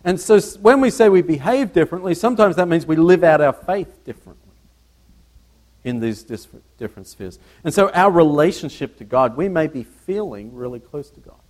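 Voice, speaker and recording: A man preaching a conversational sermon to a congregation, working through slides, often halting and repeating words and putting questions to his listeners. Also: fairly high pitch, animated, darkish tone. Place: church.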